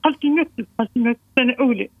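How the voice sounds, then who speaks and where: Elderly Tunisian female caller, emotional rambler, high pitched, over a phone. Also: racing, slightly rough. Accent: Tunisian Arabic. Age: 70s. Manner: rambling, emotional, repeating herself. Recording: dry phone line.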